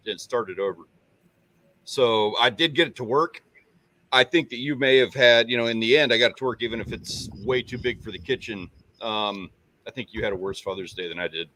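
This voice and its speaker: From his home on Padre Island, a man with a sharp, mid-range voice co-hosts a casual fishing livestream, rambling, poking fun at himself, and greeting viewers by name.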